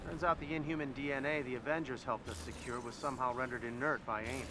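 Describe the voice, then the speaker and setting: Male actor as an urgent, worried resistance leader, mid-pitched, game dialogue, noisy mix. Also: steady tone, quick pace, close to an everyday voice. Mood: grim. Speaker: resistance leader giving mission briefing.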